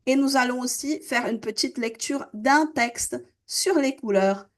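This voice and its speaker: A woman teaching French to beginners, slowly repeating each word and explaining its pronunciation. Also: sits high. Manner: slow, deliberate pronunciation drills, repeating words. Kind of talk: slow, careful language lesson.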